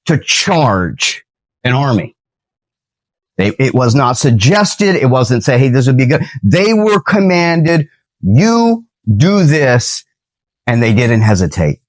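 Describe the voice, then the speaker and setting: A man's voice: mid-range voice, no echo. A man hosting a church's Sunday night video, talking earnestly in a casual sermon style with many fillers and restarts.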